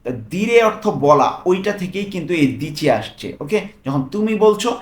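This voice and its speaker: A man with a Bangladeshi accent, working as a language tutor. He explains phrases patiently, repeating each one slowly and checking in with "okay?". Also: high voice, expressive. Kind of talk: explaining Italian phrases in Bengali.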